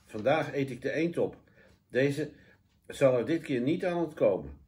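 A man's voice: mid-range voice, lively intonation, a little slow, dark tone, close to an everyday voice. A sly hungry storybook fox, as a man reads him. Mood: hungry, pleading.

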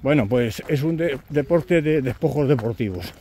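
Mellow-voiced man telling trail stories. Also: mid-range voice, lively intonation, normal speed. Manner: chatty anecdote-telling, chuckling, acting out companions' lines. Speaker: pilgrim vlogger. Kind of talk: casual storytelling to camera while walking. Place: outdoors on a rural walking trail.

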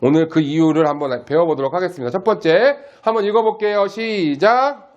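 High-voiced man preaching simply. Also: highs cut off, crowd noise. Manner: simple, slow-paced teaching with questions to the congregation. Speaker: pastor.

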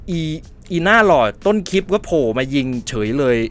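Excitable high-voiced man gaming. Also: soft background music. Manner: excitable, quick to shout in surprise; polite, chatty running commentary. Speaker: gaming channel host. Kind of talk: let's play commentary.

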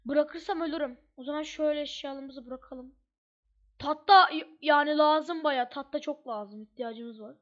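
A woman's voice: high-pitched, moderate pace, fairly bright tone. A woman giving casual, chatty gameplay commentary as she plays, thinking aloud with slangy asides. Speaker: gamer. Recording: dull lo-fi mic.

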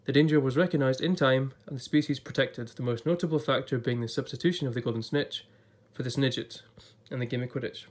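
Talking fast with few pauses in a mid-range voice, a YouTuber reviews an illustrated book, leafing through it chattily and thinking aloud. He's recovering from an illness that leaves his voice a bit off, and he sits indoors at a table before a blue backdrop.

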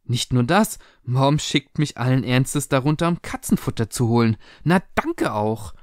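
A man voicing a frightened teenage daughter who talks high, excited and breathless, in a spoken storybook reading. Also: unhurried, no echo, clean studio sound, close to an everyday voice. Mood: upset.

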